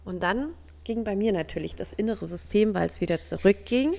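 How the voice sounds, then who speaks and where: Woman coach with a heavily creaky voice. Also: mid-range voice, lively intonation, darkish tone. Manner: earnest and personal, acts out other people's reactions in quick quoted bits. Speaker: self-help coach. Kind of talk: motivational self-help talk addressed to the listener.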